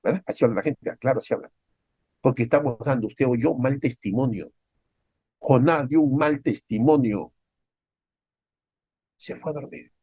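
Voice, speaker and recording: A male pastor with a Peruvian Spanish accent, speaking at a middle pitch and preaching in lively bursts. He keeps turning to the listeners with rhetorical questions and acts out the people he quotes in a raised voice. The recording sounds dry and close. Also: moderate pace, long pauses, breathy edge, no room sound. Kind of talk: sermon.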